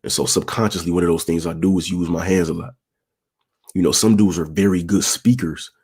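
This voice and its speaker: With a low, raspy, monotone voice, a young man answers viewers' dating questions as the host of his channel, speaking a little fast. The talk is casual and laid-back; he uses his hands while talking and often says "you feel me."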